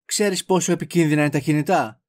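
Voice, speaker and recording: A man's voice: fairly high pitch, darkish tone, natural voice. A clueless, fussy young man who dithers and rambles, played by a man. He sounds goofy and oblivious, with an ordinary mid-range voice. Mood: dithering.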